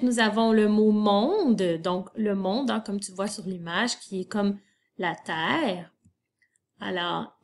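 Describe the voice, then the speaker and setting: Lady teacher spelling words out for kids, super slow and patient, letter by letter. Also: medium pitch. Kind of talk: slow spelling lesson for children.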